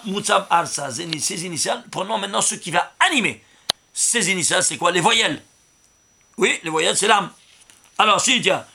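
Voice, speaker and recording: A man's voice: high voice, gravelly, breathy edge. A man, a rabbi, giving a Torah commentary, emphatic and often asking his listeners rhetorical questions. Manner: emphatic, stresses words loudly. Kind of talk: Torah commentary with number interpretation.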